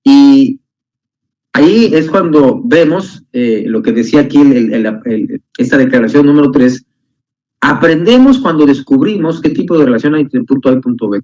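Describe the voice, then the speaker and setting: Animated preacher with a muffled sound. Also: male voice, medium pitch. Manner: animated, with frequent restarts and repeated words. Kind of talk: sermon. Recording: muffled lo-fi recording.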